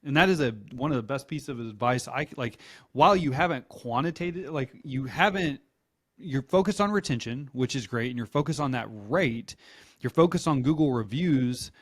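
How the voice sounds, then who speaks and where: A man's voice: medium pitch, expressive, moderate pace. A man hosting a podcast interview, enthusiastic and hyping up his guest. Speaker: podcast host.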